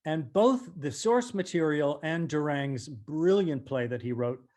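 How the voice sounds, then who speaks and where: An American man with a fairly high, somewhat mellow voice speaks as an interview guest, looking back on his acting career. His delivery is expressive, reflective and deliberate, and he stresses the key words.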